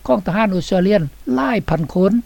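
A woman's voice: mid-range voice, brisk, creaky, mellow, dry recording. A woman reading scripted documentary narration for a radio report. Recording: dull, slightly lo-fi, dry studio sound.

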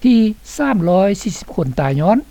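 A woman's voice: medium pitch, animated, brisk, dark tone, no room sound. A woman reading scripted documentary narration for a radio report. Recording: dull, slightly lo-fi, dry studio sound.

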